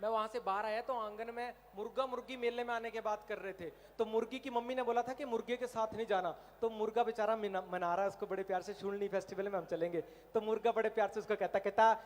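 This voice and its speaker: A man from Himachal Pradesh doing animated stand-up comedy on an outdoor festival stage, telling stories. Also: high-pitched, quick pace, hardly any pauses. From Himachal Pradesh, India. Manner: animated storytelling, puts on animal and cartoon voices. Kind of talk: stand-up comedy at a college fair.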